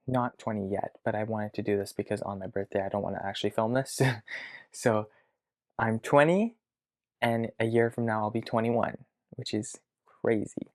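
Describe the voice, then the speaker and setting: A man of about twenty talking to his future self in a video diary from his childhood bedroom, hesitant and reflective, pausing to think aloud. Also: on the low side, steady tone. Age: around 20. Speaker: vlogger.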